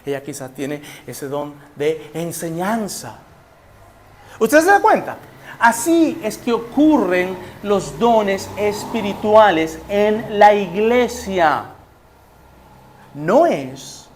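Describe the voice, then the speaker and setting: A man's voice: sits high, animated, takes it slowly, a little hiss or hum. A male pastor with a Nicaraguan accent preaching conversationally, acting out little scenes. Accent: Nicaraguan Spanish. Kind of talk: sermon.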